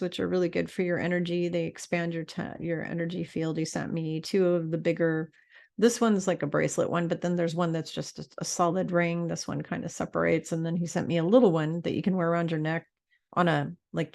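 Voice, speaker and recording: Gravelly-voiced woman in a chatty vlog. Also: on the low side, flat delivery, normal speed, darkish tone. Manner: chatty, rambling, frequent fillers and restarts. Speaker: spiritual vlogger. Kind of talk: casual talk to camera.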